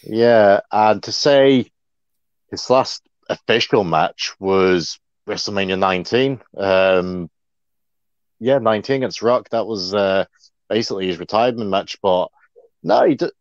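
A man's voice: fairly low pitch, expressive, measured pace, no room sound. A man co-hosting a casual livestream chat, rambling and chatty. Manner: chatty, rambling, many fillers. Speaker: co-host. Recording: dull lo-fi dry sound.

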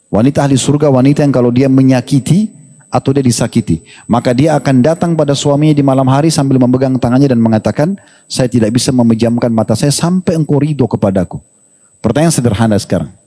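Male preacher, mellow higher voice, lively joking delivery, long hall reverb. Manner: animated, humorous, acts out quoted dialogue. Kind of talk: religious Q&A talk.

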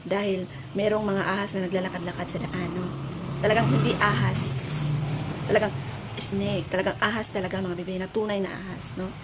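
Hoarse woman vlogger chatting. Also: medium pitch, level tone, brisk, noisy background. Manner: chatty, constantly addressing viewers with pet names. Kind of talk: casual chat to viewers.

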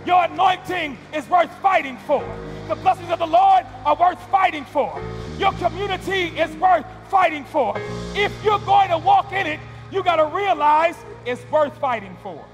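A middle-aged male pastor preaching loudly, building up with repeated calls in a large church. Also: extremely high pitch, animated, moderate pace, soft background music. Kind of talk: sermon. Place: large wood-paneled church sanctuary. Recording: long church hall reverb.

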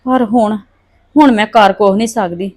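A woman's voice: medium pitch, moderate pace, a little mellow, natural voice. A woman playing a wronged daughter-in-law accused of theft, pleading and aggrieved. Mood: bitter. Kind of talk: family drama acting.

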